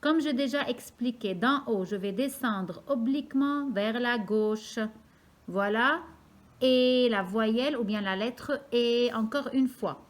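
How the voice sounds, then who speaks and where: Woman teacher for a children's lesson, slightly high voice, very slow and deliberate, repeats everything. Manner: slow, clear, repeats each word for pupils to follow. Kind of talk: slow, careful classroom lesson for young children.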